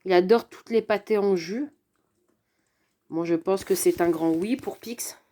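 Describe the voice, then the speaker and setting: A woman chatting casually through an unboxing of a cat subscription box, often pausing with fillers. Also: medium pitch, mellow. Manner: chatty, hesitant with frequent fillers.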